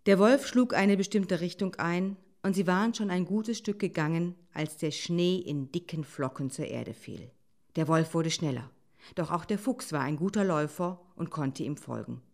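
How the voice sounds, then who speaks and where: A woman calmly reading a children's animal story aloud as narrator. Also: deep voice.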